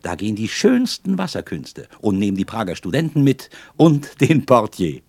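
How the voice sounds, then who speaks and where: A man's voice: deep voice, very animated, moderate pace, darkish tone, slightly rough, no room sound, exaggerated voice. A man reading the part of an eager young man in an audiobook, bursting out in exclamations. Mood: delighted.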